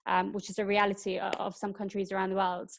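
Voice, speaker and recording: A woman's voice: mid-range voice, completely flat delivery, fast talker, gravelly. A woman explaining the law in an educational workshop, thoughtful with many ums. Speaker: workshop presenter.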